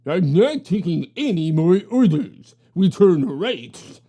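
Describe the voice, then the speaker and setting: Storybook shaggy alien crewmate, played by a woman: lowered pitch, loud, firm protests. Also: big pitch swings, slow pace, slightly rough, heavily acted. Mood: protesting. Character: big shaggy long-nosed alien crewmate. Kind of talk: comic storybook read-aloud.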